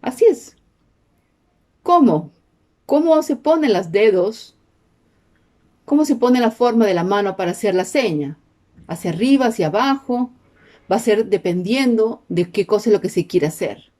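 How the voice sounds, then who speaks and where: Animated woman teaching a class. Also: medium pitch, moderate pace, long pauses. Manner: peppers sentences with questions to the class. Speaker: sign language teacher. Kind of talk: explanatory class talk.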